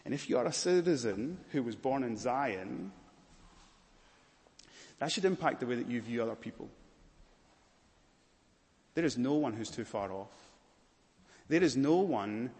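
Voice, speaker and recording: A man born in Malawi who grew up in Scotland, preaching a sermon as pastor with dramatic pauses and rising swells. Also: mid-range voice, animated. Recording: long hall reverb.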